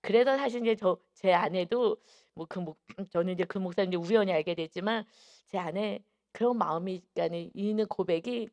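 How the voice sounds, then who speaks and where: A man preaching an early-morning sermon as pastor, telling a story in an animated way full of emphatic fillers. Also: high-pitched, brisk.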